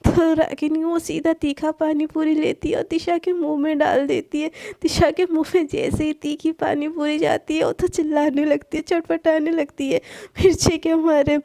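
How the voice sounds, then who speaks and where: A woman narrates a love story in a chatty, lively way, as if retelling it to a friend. Her voice is very high yet mellow in tone, with a gravelly fry, and the recording is close and dry. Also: moderate pace, dry recording.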